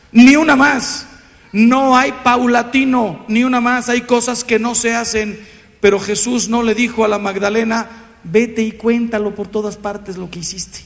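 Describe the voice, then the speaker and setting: A Mexican man in his fifties preaches with a high, gravelly voice. He stays animated and jokey, playing out little dialogues as he goes. The sound rings with a long hall reverb. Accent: Mexican Spanish. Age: 50s. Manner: animated, acts out quoted voices with humor. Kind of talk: lively preaching talk.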